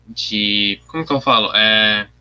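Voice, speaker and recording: Bright-voiced man streaming his art. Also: lowish voice, takes it slowly, smooth. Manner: thinking aloud while he works, explaining his process to chat; reads viewer comments aloud and answers them. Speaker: artist streaming his work. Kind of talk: casual livestream commentary.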